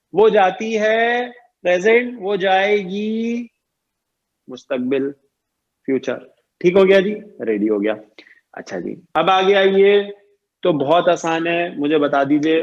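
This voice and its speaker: Patient male grammar teacher, muffled call audio. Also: on the high side. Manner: patient, repeats each point and checks understanding. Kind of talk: online grammar lecture.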